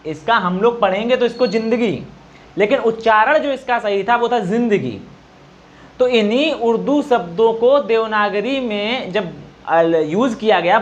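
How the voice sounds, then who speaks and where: A teacher giving a Hindi grammar lesson for exam preparation, explaining slowly and answering his own questions. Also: medium pitch, lo-fi sound.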